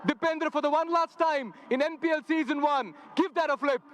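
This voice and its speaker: A man with a very high-pitched voice hosts a live sports event outdoors. He projects loudly and dramatically, like an announcer, over clear stadium noise. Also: fairly quick. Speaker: toss presenter at a cricket final. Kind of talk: hyped live event hosting. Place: outdoor cricket ground in front of a crowd.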